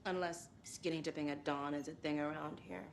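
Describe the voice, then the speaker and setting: A woman's voice: sits low, fairly even intonation, brisk, close to an everyday voice. A woman playing a brash, sardonic writer in a video game. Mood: wry, defensive. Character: brash, sardonic female true-crime writer. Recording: faint background ambience noise.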